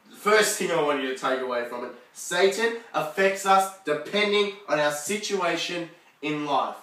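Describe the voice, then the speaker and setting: Earnest young man, bright tone. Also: fairly high pitch, expressive, normal speed. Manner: earnest, repeats key points. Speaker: youth speaker. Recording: roomy echo, far from mic.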